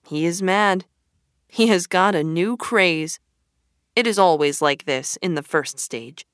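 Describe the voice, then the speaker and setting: Rat, a woman voicing a brisk sensible male rat. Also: on the low side, clean tone, dry recording, clean studio sound. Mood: dismissive. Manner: firm, matter-of-fact, sharp.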